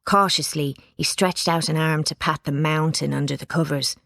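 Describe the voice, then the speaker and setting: A woman reading a children's storybook aloud, giving it lively expression. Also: deep voice, normal speed, vocal fry, no echo, clean studio sound. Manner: lively character voices, plain narration. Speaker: audiobook reader. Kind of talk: storybook narration.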